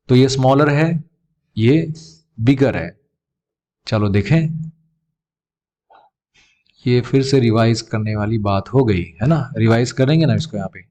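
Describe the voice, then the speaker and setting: A man's voice: medium pitch, mellow. A man with an Indian English accent teaching a children's math lesson, calling his students "beta" and asking questions he then answers himself.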